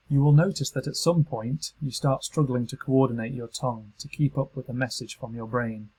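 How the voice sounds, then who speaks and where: A man with a British accent giving calm, measured, scripted narration for a training module. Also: mid-range voice, slightly rough, rough recording. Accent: British English. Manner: calm, measured instructional delivery.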